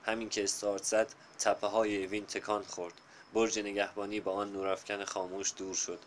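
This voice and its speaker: A man narrating a literary story in a measured, unhurried reading style. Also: fairly low pitch, level tone, slight background noise.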